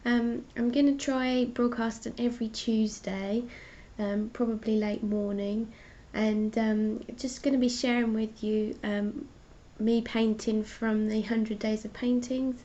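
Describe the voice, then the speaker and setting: A woman artist hosts her own live stream, casually chatting and explaining the paintings she shows while congested with a cold. Her stuffy voice is a little high and somewhat dark, delivered flatly and a bit slowly, and the audio sounds dull.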